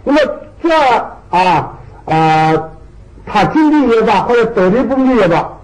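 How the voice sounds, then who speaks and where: A man's voice: high-pitched, very animated, unhurried, rough recording. A man teaching a language class, patiently repeating key points and stretching out particles at the ends of phrases. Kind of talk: classroom lecture.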